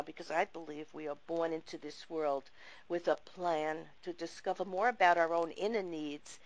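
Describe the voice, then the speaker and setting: A woman's voice: lowish voice, no room sound, low-quality recording. Woman host, earnest and reflective, dry close sound, spiritual interviewer. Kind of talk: interview talk show.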